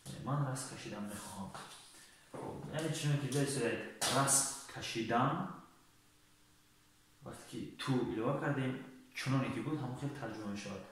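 A man with a Tajik accent teaching an online English lesson, explaining haltingly with many fillers and reading English sentences slowly and deliberately. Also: mid-range voice. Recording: very echoey room, voice off-mic, faint noise.

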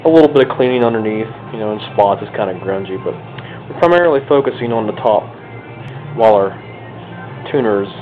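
Animated and fast-talking, this lowish-voiced American hobbyist shows off radio restoration hands-on in his own unscripted video, all folksy and self-deprecating. Soft music plays in the background as he works indoors in a kitchen or dining room at home. The sound, from the handheld camera's built-in microphone, comes across tinny and phone-like.

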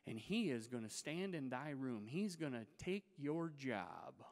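A man's voice: medium pitch, sing-song, measured pace. A male pastor voicing God giving firm, authoritative commands, in a reverberant sanctuary. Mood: commanding.

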